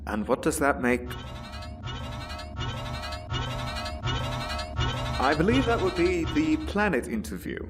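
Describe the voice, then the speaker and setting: Man acting as Alfred, a droll, animated butler. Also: a little high, brisk, over music. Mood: wry, teasing. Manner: formal, dry, droll. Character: droll, formal male butler, wryly bemused by his employer. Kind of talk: audio drama acting. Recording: clear hum and clicks behind voice.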